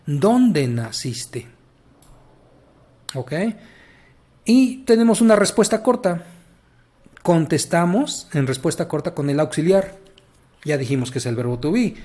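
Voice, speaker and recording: Mexican male teacher, slightly high voice, patient and repetitive grammar explainer. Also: darkish tone. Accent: Mexican Spanish. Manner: patient, repetitive, addresses the listener directly. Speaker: English teacher.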